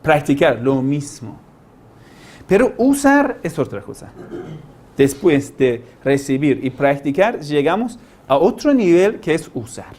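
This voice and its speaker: A man's voice: fairly high pitch, big pitch swings, measured pace, a little mellow. Man lecturing in non-native Spanish. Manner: explanatory, with rhetorical questions and homespun examples; humorous asides. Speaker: religious teacher giving a language-learning lecture.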